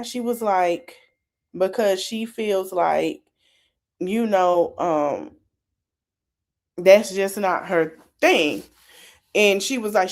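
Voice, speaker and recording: Woman, podcast host, animated, casual commentary. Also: on the low side. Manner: animated, laughs, acts out quotes.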